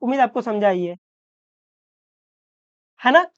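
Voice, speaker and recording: A woman maths tutor from Maharashtra explains a problem step by step, often checking that the students follow and slowing down to stress each rule. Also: on the high side, expressive, no echo, muffled recording. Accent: Hindi-English mix, Maharashtra. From Maharashtra, India. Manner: checks understanding with repeated questions; slows down to stress key rules.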